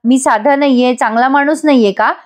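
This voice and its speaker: A woman's voice: high-pitched, fairly quick, voice pushed up, natural voice. A woman voicing a proud, touchy young husband who sulks and defends himself. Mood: sulky. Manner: sulky, defensive.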